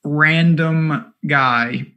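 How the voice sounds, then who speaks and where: Man, fantasy sports co-host, casual chat, quick bursts, lots of fillers, slightly high voice. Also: fairly even intonation, lo-fi sound.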